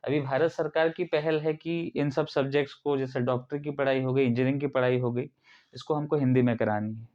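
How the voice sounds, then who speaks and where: A man's voice: mid-range voice, fairly even intonation, fairly quick, dull audio. A male instructor from India giving a classroom lecture, explaining step by step and asking the class questions. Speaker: ITI instructor.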